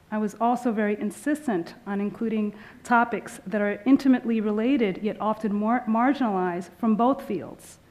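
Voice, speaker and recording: A woman museum curator giving formal welcome remarks in an auditorium, speaking from a podium microphone and often pausing on "uh". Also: medium pitch, darkish tone. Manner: formal, with frequent filler "uh"s.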